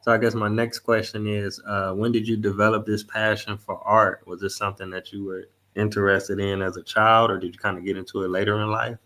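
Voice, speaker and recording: A man hosts a podcast interview, polite and a little formal in how he phrases things. His voice is bright and forward, sits on the low side, and stays quite flat in pitch. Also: a little fast, few pauses. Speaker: podcast host. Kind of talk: interview questions.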